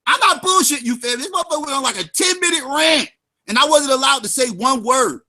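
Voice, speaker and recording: A man's voice: very high-pitched, expressive, fast talker, sharp tone. A man giving angry, profane, sarcastic commentary on a livestream.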